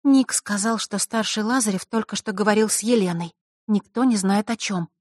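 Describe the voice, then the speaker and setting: A woman voicing a cheerful, chatty young fairy girl in a high, bright voice in an audiobook. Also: normal speed, no room sound, clean studio sound, natural voice. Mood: confiding. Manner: eager, bubbly, pushy. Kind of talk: audiobook character voice.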